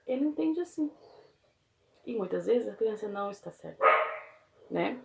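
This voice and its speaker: A woman's voice: medium pitch, animated, gravelly, warm tone. A woman with a Brazilian accent, a teacher explaining in casual talk, earnest and often checking in with her listener. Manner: earnest, keeps checking in with "né?" and "entendeu?"; acts out parents and children in quick quoted asides.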